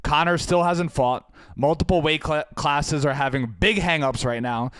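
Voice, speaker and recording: A man's voice: on the high side, normal speed, fairly bright tone, no room sound, studio quality. A man co-hosting a casual podcast, joking and cursing freely with his co-host. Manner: joking, profane, self-deprecating. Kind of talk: casual chat. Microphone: close podcast mic.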